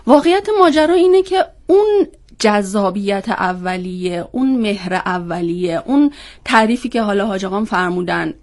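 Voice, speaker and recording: A woman's voice: medium pitch, lively intonation. A woman with a cold and a congested, stuffy-nosed voice, explaining step by step as a guest expert on a panel. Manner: throat-clearing, explains step by step with rhetorical questions. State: has a cold. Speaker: psychologist guest on a panel discussion.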